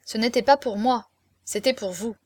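A grave, fatherly middle-aged swordsman speaks low and earnestly in a storybook reading, as a woman narrator voices him. The tone is restrained, with feeling held back, and the voice sits a touch higher than a typical man's. The recording is dry and close. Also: normal speed, no room sound, lightly acted.

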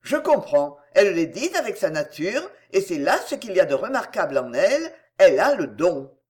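A woman's voice: lowish voice, sing-song, moderate pace, a little mellow. A woman voicing an enthusiastic, opinionated male theatre manager in a read-aloud story. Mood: appraising.

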